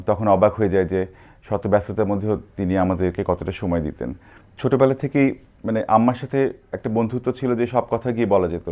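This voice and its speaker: A man's voice: lowish voice, warm tone. A man speaking about his mother in a recorded tribute, reminiscing with fillers. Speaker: son of the guest.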